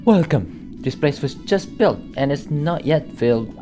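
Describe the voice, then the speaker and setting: A chatty, posh seagull guide, as a man puts him on while reading game text aloud. He walks the player through each step in a light, airy tone. Game music plays clearly underneath. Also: a little high, animated, a little slow. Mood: cheery. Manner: posh, chatty tutorial narration.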